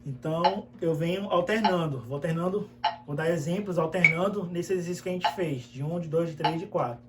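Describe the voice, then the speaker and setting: A man's voice: on the high side, brisk, very noisy. A man teaching a cajón lesson, explaining patiently step by step with restarts and fillers. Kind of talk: instructional lesson while playing. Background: cajón drumming.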